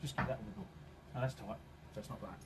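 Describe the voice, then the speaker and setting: Fast-talking blunt mechanic, off-mic. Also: male voice, mid-range voice. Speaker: mechanic helping with the van. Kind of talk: casual work talk. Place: vehicle workshop. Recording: distant mic in a noisy workshop.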